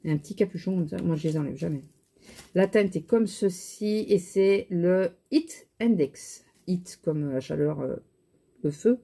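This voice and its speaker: A woman with a regional French accent chats to camera about her shopping haul, rambling and restarting her sentences. Her voice sits a little low and has a mellow, soft tone. She sounds tired. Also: moderate pace. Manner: chatty, rambling, many fillers and restarts. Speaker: vlogger showing shopping haul and makeup. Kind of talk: casual chat to camera.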